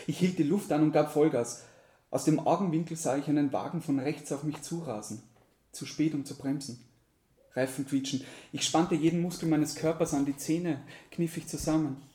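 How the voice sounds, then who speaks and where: A man reading a dramatic first-person story aloud, tense and urgent, swelling loud and dropping to a hush. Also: fairly high pitch. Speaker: narrator. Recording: echoey room.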